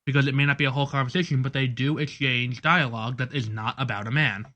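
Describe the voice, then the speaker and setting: A man's voice: mid-range voice, fairly even intonation, fast, pushed and bright. A man co-hosting a casual movie podcast, rambling with many ums and getting exasperated. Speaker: podcast co-host. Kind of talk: casual chat.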